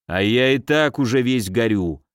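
A man's voice: medium pitch, expressive, unhurried, clean tone, no room sound, studio quality, close to an everyday voice. A man reading an audiobook, playing a sly, mocking male footman who likes to tease and play pranks. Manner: sly, teasing.

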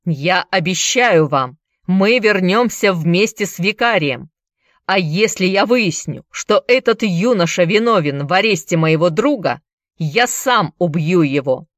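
A woman's voice: medium pitch, a little slow, no room sound, clean studio sound, natural voice. Woman voicing a burly commanding cobbler. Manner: commanding, shouting over a crowd. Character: burly middle-aged male cobbler, forceful leader.

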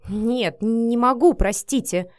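A shy young woman who hisses, pleads and is easily flustered, voiced by a female narrator. The voice is fairly high, and the recording is dry and close. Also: lively intonation, moderate pace, darkish tone, no echo, lightly acted. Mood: pleading. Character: shy, embarrassed young woman office worker.

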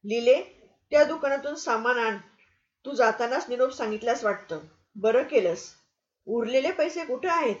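A woman's voice: expressive, moderate pace, highs cut off, close to an everyday voice. A woman voicing a harsh, scolding innkeeper's wife who nags and insults. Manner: shrill, nagging, insulting.

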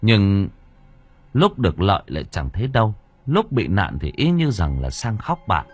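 Husky-voiced man narrating a story. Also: on the low side, normal speed. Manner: dramatic, lively. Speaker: audiobook narrator. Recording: faint background music.

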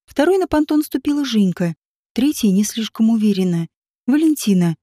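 A woman narrating an audiobook in a steady, even reading voice. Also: fairly high pitch, moderate pace, dry recording, clean studio sound.

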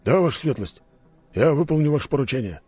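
A loyal, businesslike security chief who reports briskly and with confidence, as a male narrator puts him on. The voice sits well above the reader's low natural range and comes out a little husky. Faint music runs behind. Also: animated, dark tone, no echo. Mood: dutiful. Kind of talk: audiobook character voice.

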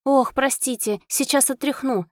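A woman's voice: sits high, moderate pace, no echo, clean studio sound, voice pushed up, close to an everyday voice. A woman voicing a timid, polite young orphan boy who apologizes and pleads eagerly. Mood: flustered.

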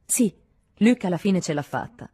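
A woman's voice: lowish voice, lively intonation, normal speed, warm tone, slightly rough, pitched above the performer's own voice. A woman voicing a cheerful young male war correspondent who talks in a jaunty, teasing way in an audiobook reading.

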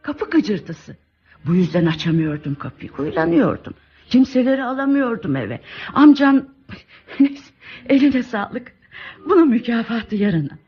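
A woman's voice: a little high, very animated, a little slow, breathy edge, heavily acted. An actress playing a lonely, doting older woman in an old radio drama, sweet and coaxing. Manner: doting, chatty, calls him "my child". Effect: old radio show recording. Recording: dull old radio recording, faint music.

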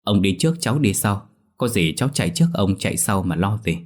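A man voicing a cheeky young grandson who scares easily, often shouting in panic, in a spoken ghost story. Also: lowish voice, expressive, fairly quick. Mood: cheeky pleading.

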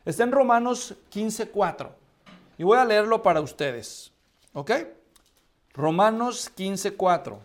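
A man's voice: high-pitched, animated, slow pace. A man teaching a church history class, asking his students questions and checking in with them often. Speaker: Bible teacher.

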